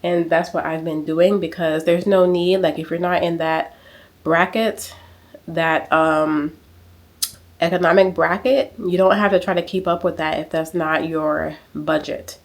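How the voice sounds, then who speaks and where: A woman's voice: on the low side, fairly even intonation, a little slow. A woman in her thirties from the United States, chatting casually to camera in a lifestyle vlog, emphatic and fond of repeating her points. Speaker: lifestyle vlogger. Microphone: small handheld camera mic.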